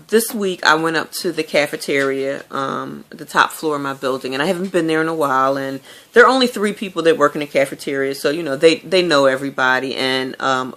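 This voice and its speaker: A woman with a deep yet fairly bright voice talks candidly to her viewers in a casual video diary. This vlogger tells chatty stories packed with fillers.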